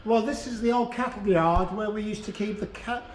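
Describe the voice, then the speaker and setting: A man's voice: high voice, normal speed. A man, a farmer casually explaining his place as he shows someone around. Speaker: farmer, farm owner. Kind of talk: casual explanation while showing a farm. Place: farm sheds and yard. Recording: echoey farm sheds, faint noise.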